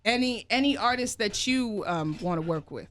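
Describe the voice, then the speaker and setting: A woman from Canada hosting a casual radio interview, playful and quick to laugh. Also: medium pitch, expressive, a bit bright, slight background noise. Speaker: radio host.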